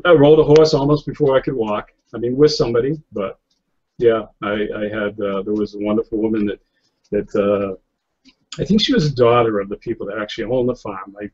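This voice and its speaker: A man's voice: fairly low pitch, a little mellow. A man in his fifties from New England, a photographer chatting casually in an interview over a video call, rambling with lots of fillers and restarts. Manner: rambling, many fillers and restarts, chuckles often. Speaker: guest photographer. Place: indoor room, seated in office chair. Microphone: webcam on a video call. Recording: slightly lo-fi video call audio.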